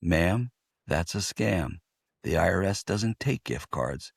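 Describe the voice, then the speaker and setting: A man voicing a kind young male cashier who speaks in a gentle, quiet, concerned way. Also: low voice, expressive, takes it slowly, vocal fry, slightly rough, no echo, studio quality, heavily acted.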